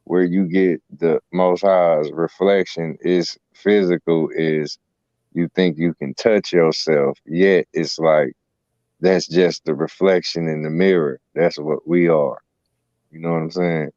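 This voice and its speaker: A man's voice: sits low, fairly even intonation, takes it slowly, darkish tone, no room sound, highs cut off. A man, rambling and using lots of filler phrases in a casual spiritual talk. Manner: rambling, with many fillers and "you know what I'm saying". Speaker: co-host.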